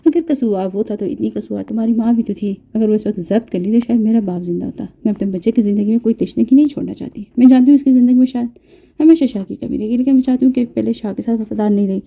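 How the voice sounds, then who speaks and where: Voiced by a woman, a young widowed mother in a spoken romance novel talks with a husky, somewhat high voice. Her lines come out earnest and sorrowful, firm about her child's future. The recording sounds slightly dull and lo-fi.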